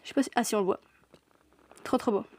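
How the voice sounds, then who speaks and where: A woman's voice: fairly high pitch, quick pace, darkish tone, breathy edge. A young woman presenting products in a shop during a live stream, gushing and laughing often.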